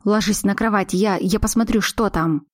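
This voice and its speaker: A woman's voice: mid-range voice, moderate pace, no echo, clean studio sound, lightly acted. A woman voicing an anxious, blunt young man whose fiancée is about to give birth. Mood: fretful. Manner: fretful, blunt and insistent.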